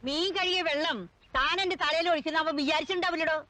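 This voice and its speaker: Brief: scolding old granny landlady, high bright voice, dry close sound. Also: steady tone, fairly quick, no echo. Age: older. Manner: scolding, fiery, then coaxing. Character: feisty sharp-tongued old grandmother landlady. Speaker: film actress. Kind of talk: 1980s film comedy acting.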